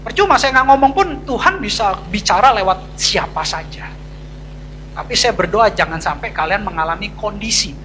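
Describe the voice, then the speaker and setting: A man's voice: high voice, lively intonation, normal speed, sharp tone, a little hiss or hum, low-quality recording. A man, a pastor, preaching a sermon to a church congregation in a chatty, confiding way with slangy asides. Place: church service.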